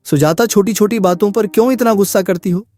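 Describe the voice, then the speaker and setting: A man voicing a calm, fair-minded older father-in-law in a cartoon story, who speaks in a gentle, reasoning way. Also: high voice, brisk, natural voice.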